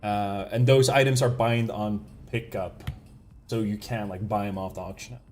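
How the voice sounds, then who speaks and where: A man's voice: on the low side, steady tone, normal speed, a little mellow, faint music behind. Man chatting loosely while gaming. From Sweden. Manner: rambling, self-correcting, chuckles often. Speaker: streamer. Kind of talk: casual live-stream chat while gaming.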